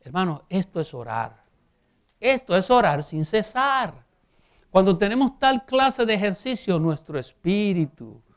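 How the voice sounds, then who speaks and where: A man preaching a sermon, reading scripture aloud and asking rhetorical questions, slowing down on key phrases. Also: high-pitched. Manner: reads scripture aloud and comments.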